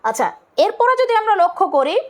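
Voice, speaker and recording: High-voiced Bangladeshi woman teaching. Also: sing-song, quick pace, darkish tone. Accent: Bangladeshi Bengali. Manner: explains step by step, asks and answers own questions; colloquial, urges viewers to comment. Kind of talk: online exam-prep lecture.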